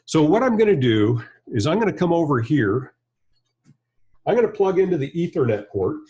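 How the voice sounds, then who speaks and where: An American man in his fifties, working as a trainer and presenter, walks through a hands-on product tutorial in a plain-spoken, conversational, explanatory manner. His voice sits a little high and is very animated and warm, at a moderate pace, though the audio is dull. He's in an indoor studio or workshop with a backdrop and a bench.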